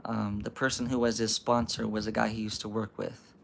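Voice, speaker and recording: A man's voice: fairly low pitch, level tone, a little fast, creaky, fairly bright tone, a little hiss or hum. A man streaming, reading a novel aloud and chatting casually to viewers with loose asides.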